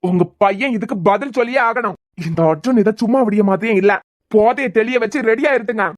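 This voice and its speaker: A woman's voice: fairly high pitch, fairly quick, natural voice. A woman with a Kanyakumari Tamil accent voicing an angry young male doctor who scolds his family in a cartoon serial. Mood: scolding. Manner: scolding, demanding.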